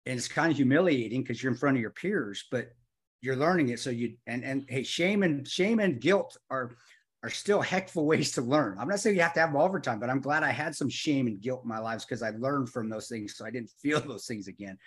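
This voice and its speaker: A man's voice: medium pitch, expressive, fairly quick, breathy edge. A man in his early fifties, an interview guest, talking earnestly and reflectively, often restarting and repeating words. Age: 50s. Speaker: guest, former Army Ranger and firearms instructor. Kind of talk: reflective conversational storytelling.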